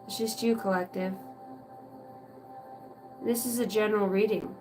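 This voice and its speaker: A woman's voice: medium pitch, steady tone, unhurried. A woman doing a live tarot reading for viewers, talking casually with lots of fillers and the odd swear word, over faint music. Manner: casual, rambling, many fillers and mild swearing. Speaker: tarot reader.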